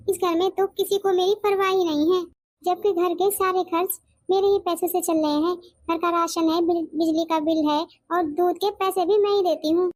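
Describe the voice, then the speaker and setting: A woman's voice: very high-pitched, darkish tone, no echo. A woman voicing a stubborn, bitter older mother-in-law in a cartoon, scolding and complaining. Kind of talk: cartoon voice acting.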